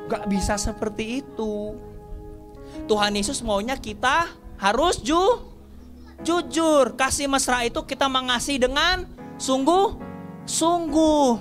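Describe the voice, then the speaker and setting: A woman teaching children in a church Sunday school talks in a rather high voice and takes her time over every word. She counts the class in before each verse they recite together, and her tone stays playful. Faint music plays softly behind her. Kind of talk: children's Bible lesson.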